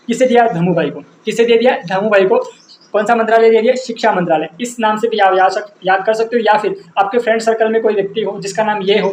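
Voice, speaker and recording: Male teacher, repetitive self-questioning drill style, faint background hum. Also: high-pitched. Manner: asks and answers his own questions, repeating. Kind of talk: exam-prep lesson with memory tricks. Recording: roomy echo, faint background noise.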